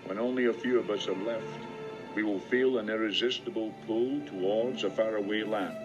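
An actor with a Scottish accent playing an older, theatrical sword mentor who lectures in a lofty, commanding way, heard as film audio. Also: male voice, fairly low pitch, steady tone, moderate pace, lo-fi sound, lightly acted. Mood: solemn. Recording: film audio with music behind.

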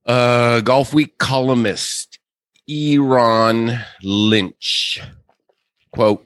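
A man's voice: on the low side, no echo. A man co-hosting a golf podcast, running through news items in a loose conversational way with asides. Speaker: podcast co-host. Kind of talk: casual golf news chat.

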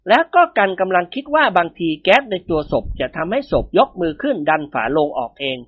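A man voicing a stern, rational doctor who speaks calmly and severely. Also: high voice, brisk, phone-quality sound. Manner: stern, reasoning.

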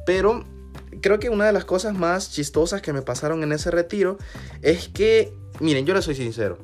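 A young man tells a story for his podcast in a relaxed, casual way. His voice sits a little high, and he often leaps into exaggerated, mocking tones. Faint music plays underneath him. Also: moderate pace. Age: young adult. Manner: animated, jumps into mocking high voices and slang. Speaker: podcast host.

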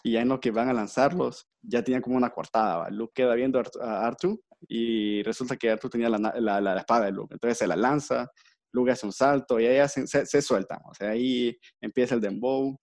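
Podcast co-host, man, animated storyteller, gravelly, dry close mic. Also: mid-range voice, brisk, no echo. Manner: animated storyteller, acts out quoted lines, laughs often. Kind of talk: casual retelling of a film plot.

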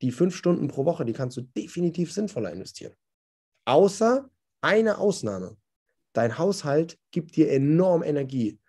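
A man's voice: fairly high pitch, big pitch swings, normal speed, warm tone, husky. A man who works as a business coach, talking casually in a podcast chat in a blunt, emphatic and colloquial way.

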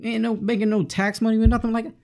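A man's voice: sits high, little pitch movement, quick pace, creaky, darkish tone, pitched above the performer's own voice. A man voicing a whining male mayor who complains about losing tax money. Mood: whiny. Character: whiny money-grubbing male town mayor.

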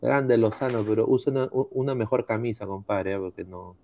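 A man's voice: on the low side, a little fast, a little mellow. A man with a Peruvian accent co-hosting a casual sports talk show in a slangy, conversational way.

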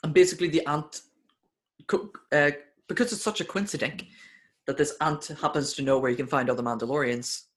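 An excitable man co-hosting a casual podcast, stammering through restarts and cursing as he reviews an episode. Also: fairly high pitch, a little fast. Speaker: podcast co-host.

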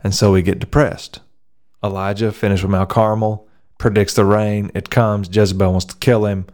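A pastor with a fairly low, slightly mellow voice discusses a Bible passage in relaxed conversation. Thoughtful and with little pitch movement, he speeds up and slows down while working through his points.

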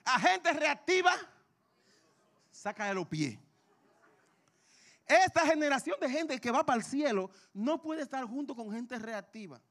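High, animated male preacher. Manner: emphatic, repeats key phrases; dramatic rise and fall, rhetorical questions. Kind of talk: sermon.

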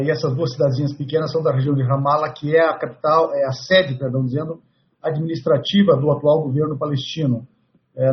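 Brazilian man giving measured formal remarks. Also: on the high side, lo-fi sound. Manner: measured, with frequent "eh" fillers. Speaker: guest, president of an organization.

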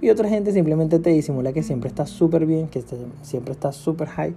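A young man hosting an unscripted personal podcast, talking candidly and ramblingly about feeling low, with self-deprecating laughs. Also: brisk, noisy background. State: low spirits. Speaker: podcast host.

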